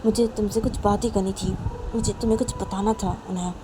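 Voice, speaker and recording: A woman voicing a secretive young man who urges quietly and repeats himself, with traffic noise behind. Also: medium pitch, steady tone, brisk, lightly acted. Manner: hushed, repetitive urging.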